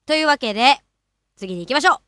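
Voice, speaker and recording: A woman's voice: high-pitched, expressive, quick pace, sharp tone, dry recording. A woman hosting a casual podcast chat, speaking bluntly and decisively.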